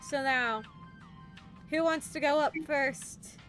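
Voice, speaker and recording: A woman's voice: sits high, slow, music in the background. A woman hosting a game show, chatty, laughing often, announcing questions and scores.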